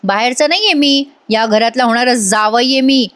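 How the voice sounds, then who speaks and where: A woman's voice: a little high, moderate pace, fairly bright tone, close to an everyday voice. A woman voicing a pushy, insistent young fiancé in her own voice.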